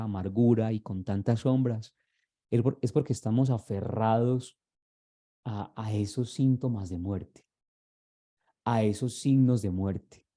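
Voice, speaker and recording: Dark-voiced man preaching. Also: on the low side. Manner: earnest, repeats words and asks rhetorical questions of the congregation. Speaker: pastor. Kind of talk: sermon.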